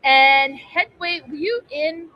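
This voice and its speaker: A woman's voice: high voice, lively intonation, slow pace, dull audio, slight background noise. A woman hosting a live board game stream at a convention, upbeat and enthusiastic as she leads the talk. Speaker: board game channel host. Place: convention center.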